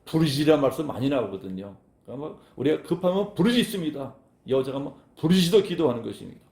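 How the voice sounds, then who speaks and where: Male preacher, conversational and animated, bit high-pitched, echoey sanctuary sound. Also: fast talker. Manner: animated, acts out quoted lines with raised voice; conversational, talks directly to the congregation. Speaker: pastor. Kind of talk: sermon.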